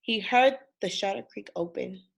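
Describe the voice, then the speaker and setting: A woman with a mid-range, creaky voice and a breathy edge delivers an animated children's read-aloud over a rough recording. Her reading is dramatic, aimed directly at the listeners, with pauses for questions.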